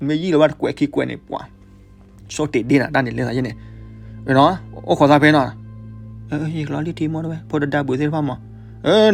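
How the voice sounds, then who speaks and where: A man tells a folk story at a fast clip, his voice gravelly and set a little high. He swings from loud outbursts to hushed asides, and faint music plays behind him.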